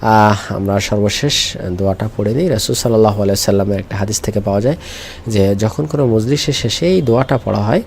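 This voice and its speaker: A man's voice: on the low side, fast, gravelly, darkish tone, slight background noise. A man teaching Quran reading and Arabic letters, drilling pronunciation with call-and-response and patient repetition. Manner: patient, repeats each letter and asks learners to echo.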